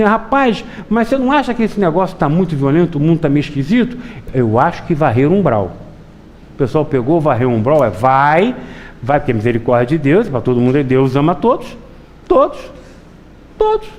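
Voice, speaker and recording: A middle-aged man gives a Spiritist public lecture, telling folksy stories and often asking the audience to agree. His storytelling is lively, with wide swings in pitch.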